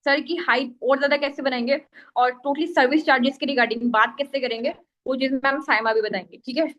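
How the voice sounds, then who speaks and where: A woman's voice: high voice, fairly even intonation, a little fast. A woman hosting an online training call, directly urging her listeners to pay attention. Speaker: meeting host. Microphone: video call. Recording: dull lo-fi video call audio.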